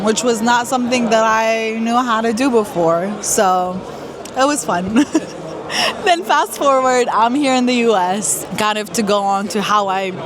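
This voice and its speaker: A young woman from Iraq giving candid, casual interview answers, halting often with fillers. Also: a little high. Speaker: guest performer. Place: busy trade fair hall. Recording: loud crowd chatter behind.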